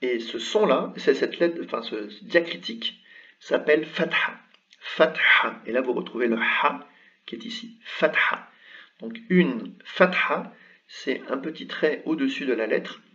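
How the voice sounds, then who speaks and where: Man, mid-pitched, patient teacher walking through a lesson with lots of "euh", slightly dull lo-fi sound. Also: fairly bright tone, distant mic. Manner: patient, explains step by step with many fillers. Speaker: Arabic script teacher. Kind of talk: online language lesson.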